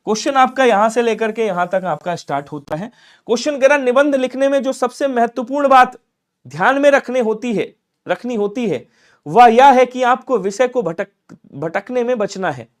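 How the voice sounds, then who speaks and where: An expressive man with a high voice runs a live online exam-prep class on Hindi grammar. Coaxing and repetitive, he quizzes the viewers and presses for quick answers.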